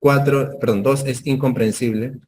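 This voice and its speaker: A man's voice: mid-range voice, fairly even intonation, normal speed, a little mellow. A man teaching a medical lesson, explaining step by step, ending phrases with tag questions and acting out short exchanges with patients. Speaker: medical lecturer.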